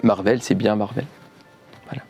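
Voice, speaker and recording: A man's voice: fairly low pitch, fairly even intonation, moderate pace, a little mellow, faint music behind. A man chatting casually while unboxing gifts on camera, rambling, joking and laughing often. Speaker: YouTuber unboxing a subscription box.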